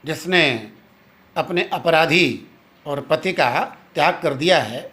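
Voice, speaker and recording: A male Sanskrit literature teacher giving a classroom lecture, explaining step by step and chanting verses slowly, with pauses mid-sentence. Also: fairly high pitch, animated, pushed and bright. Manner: many fillers and restarts, pauses mid-sentence.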